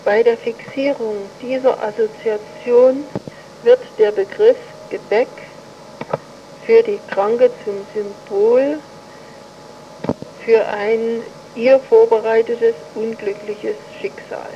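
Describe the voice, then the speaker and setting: A woman slowly dictating an academic text, in a measured way and reading punctuation marks aloud. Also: a little high, fairly even intonation, a little hiss or hum. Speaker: dictation reader. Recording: muffled lo-fi recording.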